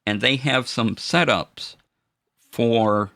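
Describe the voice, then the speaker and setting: A low-voiced man explains audio gear during a relaxed live-stream demo, speaking haltingly with plenty of fillers and restarts. He greets chat viewers warmly, using a studio dynamic mic.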